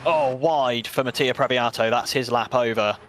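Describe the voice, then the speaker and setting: A man with an English accent giving brisk, chatty play-by-play commentary on a sim race, with self-mocking asides. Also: medium pitch, fairly even intonation, a bit bright, slight background noise. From England.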